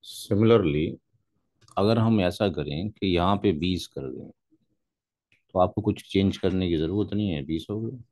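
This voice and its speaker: A deep-voiced man lecturing as a networking instructor, working through each number slowly and methodically. His voice has a gravelly edge, and the sound is dry and close. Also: darkish tone, no echo. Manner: methodical, spells out numbers step by step. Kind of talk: classroom lecture.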